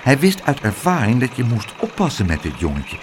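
A man reading a children's storybook aloud in a lively, expressive way. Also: mid-range voice, a little fast, noisy background.

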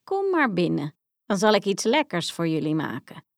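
A woman's voice: lowish voice, huge pitch swings, moderate pace, creaky, dry recording, studio quality, heavily acted. Gleeful, wicked old witch with a cackle, read aloud by a woman. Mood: sweetly. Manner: sweet-voiced, then gloating and cackling. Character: cunning old female witch, gleeful and cruel.

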